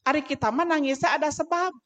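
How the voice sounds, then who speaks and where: A woman's voice: high voice, fast, a bit bright. A woman with a Sundanese accent giving a parenting talk at a mosque, telling stories and acting out mother and child voices. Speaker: parenting speaker.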